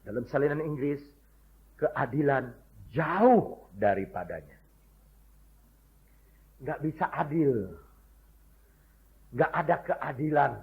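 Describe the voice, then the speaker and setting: A man preaching a lively sermon full of humorous stories, jumping from loud shouts to hushed asides and acting out the people he quotes. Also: mid-range voice, slow, long pauses. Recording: dull lo-fi recording.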